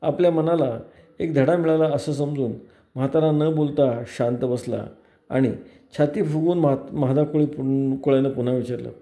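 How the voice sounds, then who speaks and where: A man reading a novel aloud in steady storytelling narration. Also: medium pitch, normal speed, roomy sound.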